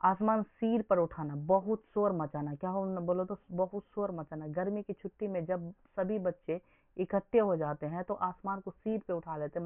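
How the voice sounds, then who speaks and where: Young guy tutoring for exams, keeps quizzing you, high voice, tinny phone-like sound. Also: dry recording. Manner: quizzing listeners with repeated questions. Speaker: teacher. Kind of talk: exam coaching lesson.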